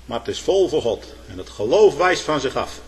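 A man's voice: medium pitch, sing-song, normal speed. Male preacher, fervent sermon delivery with repeated words, long church reverb. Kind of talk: sermon and closing prayer.

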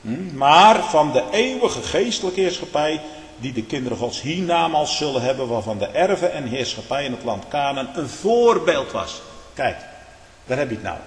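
A man preaching a fiery sermon, denouncing his opponents and building to near-shouting. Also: on the high side, sing-song, moderate pace. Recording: echoey hall with long reverb.

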